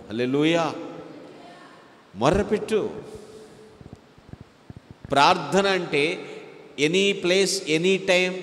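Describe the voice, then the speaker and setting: Emphatic preacher in echoey hall. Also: male voice, fairly high pitch. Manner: emphatic preaching with cries of hallelujah and English phrases mixed in. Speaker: pastor. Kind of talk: sermon. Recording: echoey hall with long reverb.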